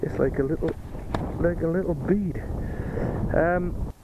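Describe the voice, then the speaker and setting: Man, slightly high voice, slow hesitant delivery, casual outdoor field commentary, musing aloud, muffled sound. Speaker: metal detecting video host. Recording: muffled audio with outdoor background noise.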